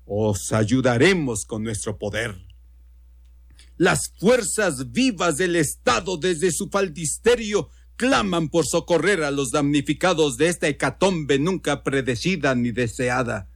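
A man's voice: a little high, animated, a little slow, dry recording, studio quality. A man playing a pompous governor orating. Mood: solemn, grandiose. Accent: Mexican. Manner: florid, solemn oratory. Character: pompous, grandiloquent male state governor making a speech. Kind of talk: radio story reading.

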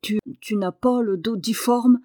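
A hoarse, quavering old gardener speaks with rough feeling, as a woman reading the storybook puts him on. His voice sits close and dry, with no room around it. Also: fairly high pitch, a little slow, mellow, no echo, natural voice.

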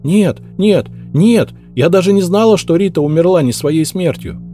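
A frightened young maid begs in a high, breaking voice and rushes her words, as a male reader puts her on. The pitch sits well above a man's range, and faint music plays behind the storybook reading. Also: animated, dark tone, natural voice. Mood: tearful. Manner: pleading, rushed, tearful.

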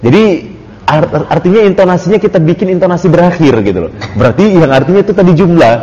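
Through dull lo-fi audio with long reverb, a man's high-pitched, expressive and warm voice comes across at a fast pace. He patiently explains Arabic grammar to an informal study circle, laughing easily and using many fillers.

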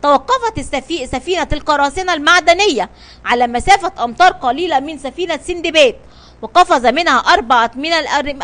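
A woman reads an adventure story aloud for children. Her voice is high, and she often stumbles and restarts words as she goes. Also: fairly bright tone. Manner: reads with frequent slips and restarts.

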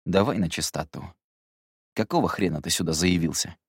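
A brusque, menacing young man, as a male audiobook reader puts him on, speaks low and clipped with a very deep voice. Every jab comes out as a hushed warning. The recording is dry and close. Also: normal speed, husky, no echo. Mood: gruff, hushed.

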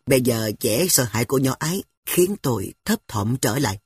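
A storyteller reading a first-person audiobook in a lively way. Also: medium pitch, fairly quick, husky, dry recording. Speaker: narrator. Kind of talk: audiobook narration.

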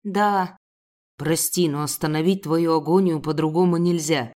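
A woman's voice: sits low, fairly even intonation, normal speed, a little mellow, pitched below the performer's own voice, close to an everyday voice. A woman voicing a stern but caring male ruler who calls out insistently. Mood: gently. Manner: insistent, urgent calling.

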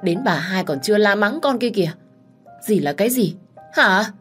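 A woman voicing a young, heartbroken servant girl who is crying and answering back in a raised, shrill voice. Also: expressive, moderate pace, soft background music, natural voice. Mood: indignant. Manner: sobbing, shrill when angry.

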